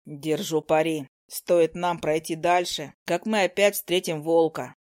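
A woman voicing an earnest young male healer who speaks slowly, softly and firmly, in a storybook reading. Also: low-pitched, fairly even intonation, no room sound, clean studio sound, pitched below the performer's own voice. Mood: earnest, questioning. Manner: slow, soft, persuasive.

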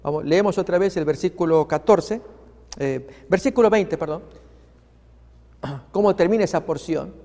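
A man preaching a sermon, explaining scripture and telling illustrative stories in a fairly high voice. His words ring out with a long hall reverb. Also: normal speed, long pauses, a little mellow. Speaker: pastor.

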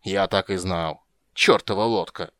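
A man doing a gruff, shouting old dwarf. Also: fairly low pitch, fairly quick, dry recording, studio quality, lightly acted. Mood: grumbling. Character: grumpy stubborn old male dwarf.

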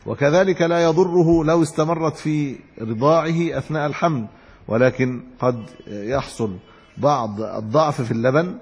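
A man's voice: on the high side, moderate pace, husky. A man giving a religious lesson. He reads chains of narrators, then explains them in plain words with some restarts. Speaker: sheikh teaching hadith. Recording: dull lo-fi recording with long hall reverb.

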